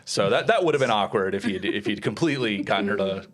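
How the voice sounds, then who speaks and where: A man's voice: lowish voice, lively intonation, fast talker. A man, guest-hosting a comedic panel chat with a wry, laughing manner. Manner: wry, laughing, drops into mock old-timey voice. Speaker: guest host.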